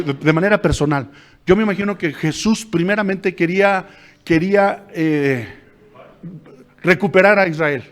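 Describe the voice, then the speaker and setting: A Mexican man leads a Bible study as pastor, his voice sitting high for a man. He teaches animatedly, slipping into casual slang and acting out the scenes he explains. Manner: animated, uses colloquial slang, acts out quotes.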